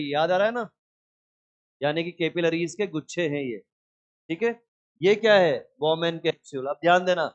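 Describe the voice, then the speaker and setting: A man teaching a biology class in a lively lecture style, often asking questions and answering them himself. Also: fairly high pitch, dull audio. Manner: scolds inattentive students.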